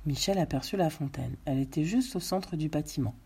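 A woman narrating a novel aloud in measured storytelling. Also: deep voice, mellow, husky.

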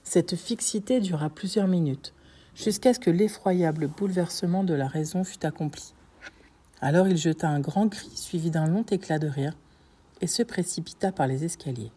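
A woman narrating a classic novel in steady, dramatic storytelling. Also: fairly low pitch, moderate pace, slightly rough. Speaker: audiobook narrator. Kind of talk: scripted narration.

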